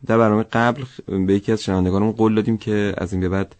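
Radio host guy, really low voice, formal and polite. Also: fairly even intonation, a little mellow. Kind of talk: broadcast presenting.

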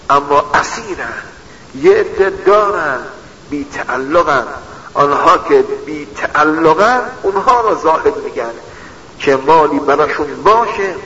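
A man preaching a sermon with a slightly high, bright and forceful voice. He speaks in a measured way and keeps returning to a refrain. The sound is dull and lo-fi, with long reverb from a hall. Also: animated, slight background noise. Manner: measured, repeating a refrain for emphasis. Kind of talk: religious sermon.

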